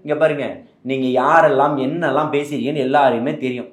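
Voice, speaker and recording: A man from answering questions as a party spokesman in a heated interview, combative and full of rhetorical questions that build into impassioned shouting. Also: mid-range voice, steady tone, a little fast, roomy sound.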